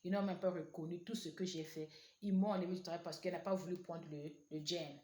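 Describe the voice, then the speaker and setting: Low-pitched woman preaching. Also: steady tone, fast, darkish tone. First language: not French. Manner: earnest, repetitive, exhorting. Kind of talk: sermon, exhortation to online viewers. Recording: echoey room.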